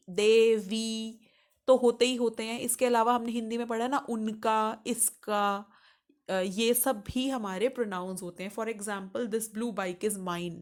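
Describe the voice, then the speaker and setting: Explaining Indian woman teacher, high voice. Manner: explanatory, asks and answers her own questions. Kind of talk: grammar lesson mixing Hindi and English.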